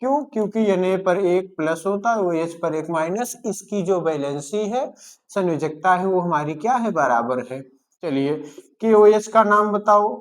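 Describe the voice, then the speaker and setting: High-voiced Indian man teaching chemistry. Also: lively intonation, unhurried. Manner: asks questions and answers them himself, repeating key terms. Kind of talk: classroom-style lecture.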